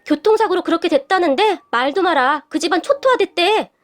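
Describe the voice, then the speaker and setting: A woman's voice: very high-pitched, lively intonation, fairly quick. A woman reading a brusque, gossipy young woman friend.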